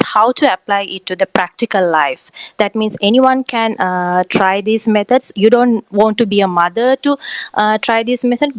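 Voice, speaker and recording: A woman's voice: medium pitch, no room sound. Earnest Sri woman, dry sound. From Sri Lanka. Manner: earnest, halting with frequent fillers. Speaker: pageant contestant guest. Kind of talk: podcast interview.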